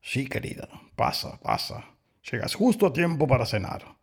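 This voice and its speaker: A cranky old wolf played by a man grumbles with exasperated sighs through a gravelly voice. Hungry and put-upon, he frets and blusters in a storybook reading. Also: medium pitch, lively intonation, brisk. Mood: grumbling.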